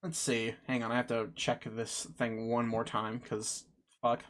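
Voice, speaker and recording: A woman narrating as game master of a tabletop game, correcting herself as she goes. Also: a bass voice. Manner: unhurried, lively narration with self-corrections.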